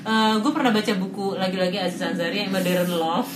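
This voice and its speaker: Woman, fast chatty delivery, English phrases mixed in, roomy echo, faint noise. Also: medium pitch. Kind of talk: casual podcast chat.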